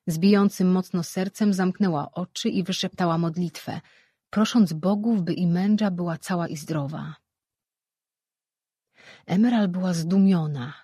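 An audiobook narrator reading a fantasy novel in an even, measured way, close to a studio mic. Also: mid-range voice, breathy edge, no room sound. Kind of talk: scripted narration.

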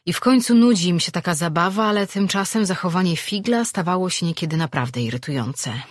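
Audiobook narrator reading steady, a bit husky, dry close mic. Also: mid-range voice, dry recording. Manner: steady, measured storytelling.

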